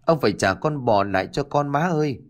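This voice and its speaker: A man's voice: lively intonation, a little fast, lightly acted. A man voicing a stubborn, grieving young village girl, with a pleading, raised voice. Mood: distraught. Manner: pleading, tearful, raised high voice.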